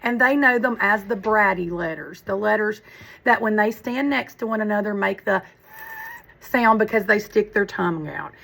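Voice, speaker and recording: A woman who teaches first grade, explaining to parents how she teaches spelling, sounding words out slowly and methodically. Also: medium pitch, creaky, a bit bright, low-quality recording. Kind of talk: explaining phonics lesson to parents.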